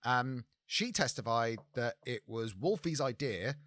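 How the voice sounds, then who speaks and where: A man's voice: medium pitch, expressive, unhurried, fairly bright tone, no echo, clean studio sound. A man co-hosting a podcast in casual chat, with a blunt, sweary way of talking. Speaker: podcast co-host.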